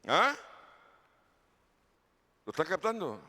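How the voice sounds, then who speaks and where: A man's voice: high-pitched, wildly swooping pitch, slow pace, pushed and bright. A man preaching a sermon as pastor, reading scripture aloud and putting questions to the congregation. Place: church hall. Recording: long hall reverb.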